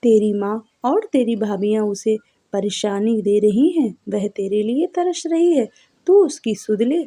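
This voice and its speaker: A woman reading a devotional story, voicing a kind and merciful mother goddess in a soft, husky way. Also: medium pitch, unhurried, close to an everyday voice. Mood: gentle. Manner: gentle, reassuring.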